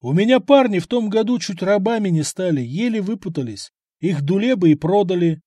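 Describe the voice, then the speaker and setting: Brash young warlord, calm and blunt, voiced by a male narrator. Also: sits high, fairly quick, no echo, voice pushed up.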